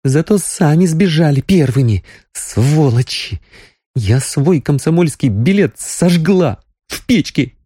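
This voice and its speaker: In an audiobook, a tearful, spirited young woman doctor, as a male reader puts her on speaks in a raised, lively, swooping voice. Her tone stays mellow, and the recording is dry and close. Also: normal speed, no room sound. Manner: raised falsetto-like voice, sobbing, emotional. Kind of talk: audiobook character reading.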